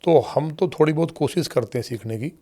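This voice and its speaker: A man who is a state legislator, answering interview questions at length in a measured storytelling way and using formal honorifics for other leaders. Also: a little high, mellow. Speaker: politician guest, state legislator. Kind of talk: long-form podcast interview answers.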